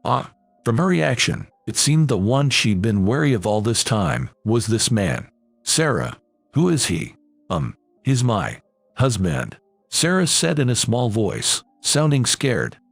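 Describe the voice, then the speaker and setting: Man, story narration, lively pitch, dry recording, faint music behind. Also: gravelly, no echo. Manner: reads every character in one plain voice.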